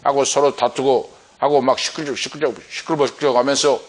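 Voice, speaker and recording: A man's voice: level tone, fairly quick. A middle-aged man pastor preaching a sermon, retelling a story with dramatic swings of voice as he acts out the cries. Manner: dramatic storytelling, acting out cries and quotes with swings in pitch and loudness.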